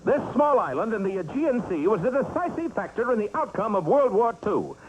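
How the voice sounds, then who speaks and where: A man's voice: sits high, very animated, brisk, lo-fi sound. A man narrating in a grand announcer style. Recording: loud noisy recording.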